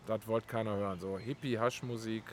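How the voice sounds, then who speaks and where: A man hosting a casual chat, telling stories with a lively, sometimes loud delivery. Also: fairly low pitch, a little fast, slight background noise. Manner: lively storyteller, swings loud when excited.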